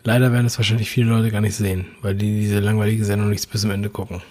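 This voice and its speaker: A man's voice: fairly low pitch, level tone, fast talker, a little mellow. A man giving casual reaction commentary on a TV clip, blunt and slangy with crude asides.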